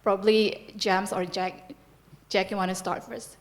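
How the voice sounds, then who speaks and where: A woman's voice: mid-range voice, flat delivery, a little slow. A woman moderating a conference panel, putting questions to the speakers and inviting them to answer.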